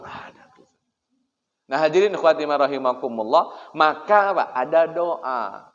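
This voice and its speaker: A man preaching an Islamic sermon in a relaxed, conversational way, cracking jokes and speaking straight to his listeners. His voice sits a little high. The recording is muffled and rings with long hall reverb. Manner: chatty and joking, often addressing listeners directly. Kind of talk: casual sermon to a congregation. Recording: dull, echoey hall recording.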